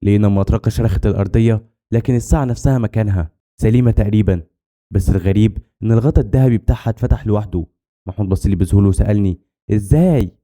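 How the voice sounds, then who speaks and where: An Egyptian man reads a scripted first-person horror story at a breakneck pace. His voice is low and very dark. He drives the tale forward with rushed, dramatic storytelling. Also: steady tone. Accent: Egyptian Arabic.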